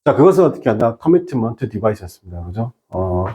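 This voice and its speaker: A man's voice: fairly low pitch, big pitch swings, fast talker, warm tone. A man teaching an exam-prep English class, firing rhetorical questions and mixing in English terms. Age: 30s or older. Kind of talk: online lecture with an anecdote.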